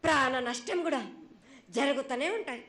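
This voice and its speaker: Woman, prophetic trance, stern oracle, high pitch, repetitive clipped phrases, echoey live recording. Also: normal speed, a bit bright. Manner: speaks in short broken phrases with repeated words; stern, admonishing, commanding. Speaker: oracle delivering festival prophecy as the mother goddess. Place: echoey temple festival. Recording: echoey live ritual sound.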